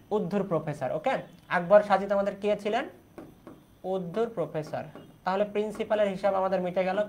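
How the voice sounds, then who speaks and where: A man's voice: high voice, slight background noise. A young man from Bangladesh teaching an online exam-prep class in Bengali, asking questions and repeating the key answers.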